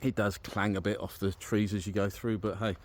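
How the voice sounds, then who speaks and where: Talking a little fast with little pitch movement, this British man's fairly low voice carries a casual, informal walk-through. He's a vehicle owner showing an installation to a handheld camera or phone.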